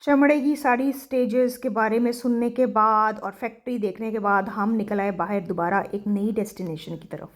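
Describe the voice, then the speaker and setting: A woman's voice: medium pitch, steady tone, normal speed, few pauses. Chatty woman narrating a travel vlog. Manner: casual and chatty, sometimes forgetful. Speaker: travel vlogger.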